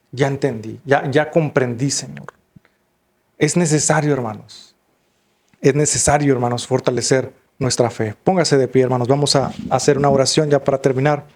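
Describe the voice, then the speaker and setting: Earnest preacher man, fairly high voice. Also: darkish tone. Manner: conversational, earnest, repeats "hermanos" and "¿verdad?". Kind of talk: sermon.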